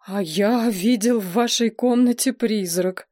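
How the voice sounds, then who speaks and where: A woman voicing a fussy elderly male ambassador, stern but soft-hearted, who stammers when upset and scolds gruffly. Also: mid-range voice, a little slow, dry recording, studio quality, natural voice. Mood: shaken.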